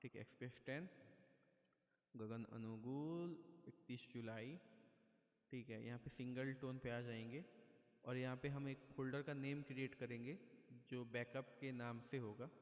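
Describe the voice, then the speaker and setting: A man's voice: medium pitch, fairly even intonation, measured pace. A man giving a casual step-by-step keyboard tutorial, explaining patiently and checking in with the viewer often. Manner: plain, patient explaining with frequent "theek hai". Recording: echoey room with long reverb.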